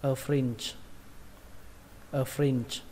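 A man's voice: medium pitch, little pitch movement, very slow, dark tone. A man with a Vietnamese accent teaching English pronunciation, patiently repeating each word. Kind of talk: pronunciation lesson. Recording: long reverb, faint ambient noise.

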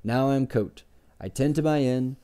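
A man reading aloud lightly acts out a guarded, sardonic innkeeper of middle age who speaks with dry, biting sarcasm. His mid-range voice is mellow, clear, and resonant, and he takes his time.

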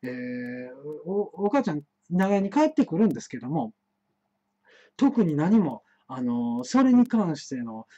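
Man, Kansai accent, chatty solo monologue, stammering restarts, mellow tone, muffled stream audio. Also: a little high, sing-song, unhurried. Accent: Kansai Japanese. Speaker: host of an internet talk show. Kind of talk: rambling solo monologue, storytelling.

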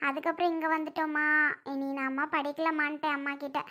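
A woman playing a soft-spoken teenage girl who talks earnestly about giving up school for her family. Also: high voice, little pitch movement, fast talker, voice pushed down. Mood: subdued. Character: quiet teenage girl, responsible and self-sacrificing. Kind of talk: family skit acting.

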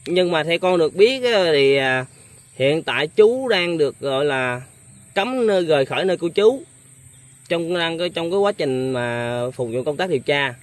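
A man's voice: a little high, animated, normal speed. A young man hosting a casual interview, speaking politely with many hesitant fillers. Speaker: vlogger host.

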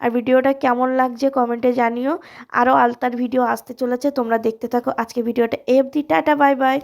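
A woman talks viewers through a craft tutorial, her voice hoarse from a cold. It sits high and stays fairly level in pitch. She sounds friendly and speaks directly to her audience. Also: steady tone, quick pace. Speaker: alta design tutorial host. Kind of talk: casual step-by-step tutorial.

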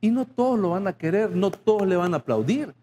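A man's voice: sits high, animated, a little fast, warm tone, a little hiss or hum. A male pastor preaching a sermon, speaking straight to the congregation and acting out short dialogues. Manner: addresses the congregation directly, acting out little dialogues.

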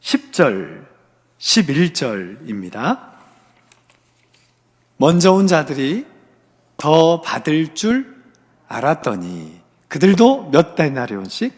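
Male pastor, husky and animated, preaching dramatically in a church with long reverb. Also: a little high, takes it slowly, pauses often. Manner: dramatic, voices the parable's characters, drops to near whispers. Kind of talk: dawn prayer sermon. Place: church sanctuary.

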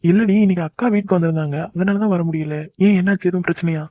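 A young cartoon man, acted by a voice performer talks briskly in a mid-range voice. He coaxes and reassures the people close to him. The recording is dry and lo-fi. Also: mid-range voice, steady tone, dry recording, lightly acted. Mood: coaxing. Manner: brisk, coaxing, affectionate. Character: young man, devoted son and boyfriend. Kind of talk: cartoon voice acting.

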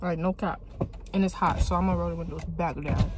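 A young woman talks straight to the camera from inside her car, loose and slangy, the way a vlogger chats with viewers. She records on a phone propped by the steering wheel. Steady car and street noise runs underneath her voice. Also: lowish voice, brisk. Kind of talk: casual car mukbang vlog.

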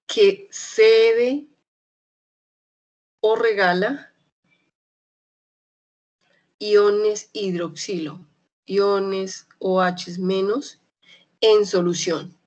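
A young adult woman with a Colombian accent from Medellín, teaching an online chemistry class in a chatty way. She keeps checking in with her students and slowly repeats key terms. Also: mid-range voice. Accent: Colombian Spanish, Medellín.

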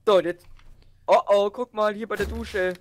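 A man's voice: sits high, fairly even intonation, moderate pace. A young man joining a co-op horror game as co-player, teasing and joking through it. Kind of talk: casual let's play banter.

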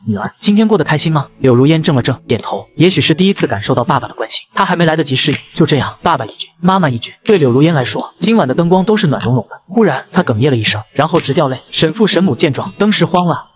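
A man narrating a web novel in a steady scripted reading. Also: a little high, fast, few pauses. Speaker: story narrator.

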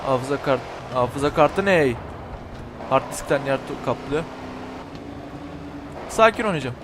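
A young Turkish man giving let's play commentary over a racing game, excitable, shouting and cursing at rival cars. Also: mid-range voice, slow pace, noisy background. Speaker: gaming YouTuber.

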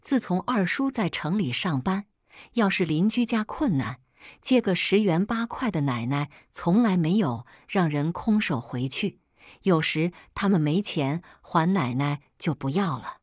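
Woman storyteller, calm steady narration, low voice, dry close sound. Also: a little slow, no echo. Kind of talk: read-aloud family storytelling.

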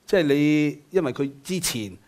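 A man's voice: on the high side, lively intonation, moderate pace, a little mellow. A man, an interviewer laying out a long, argued question step by step. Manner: argumentative, builds a case step by step.

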